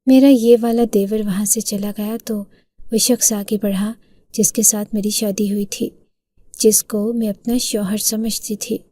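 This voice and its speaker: A woman's voice: mid-range voice, dark tone, dry recording. A woman narrating an emotional first-person story in an earnest way.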